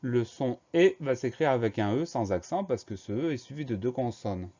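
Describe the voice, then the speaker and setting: A patient man teaching spelling to children, breaking each word into syllables and letters. His voice is mellow and dark, at a middling pitch. The recording is a little muffled and lo-fi. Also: animated, moderate pace. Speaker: primary school teacher.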